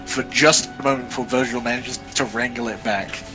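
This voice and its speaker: A man narrating a tabletop role-playing game as game master, describing scenes in a measured way with fillers. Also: medium pitch, steady tone, over music, rough recording.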